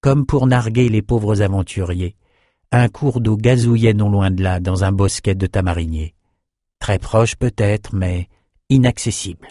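A man narrating a fantasy novel as an audiobook in a measured, even storytelling manner. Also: on the low side, no echo, studio quality.

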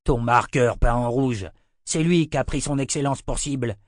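A man voicing a gruff soldier officer. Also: mid-range voice, normal speed, dry recording, studio quality, lightly acted. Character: hard-bitten male army officer.

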